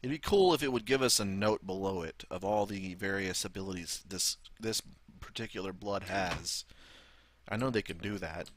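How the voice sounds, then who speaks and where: A man's voice: low-pitched, normal speed. A man with a Southern US accent giving casual, rambling gameplay commentary, thinking aloud and swearing freely. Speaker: gaming video host.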